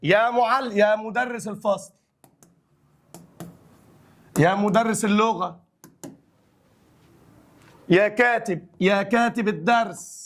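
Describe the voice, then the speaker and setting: A young man with an Egyptian accent and a fairly high voice teaches a grammar lesson. He stretches out each example phrase slowly, then moves quickly through the explanation in an easy colloquial way. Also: steady tone, fairly bright tone.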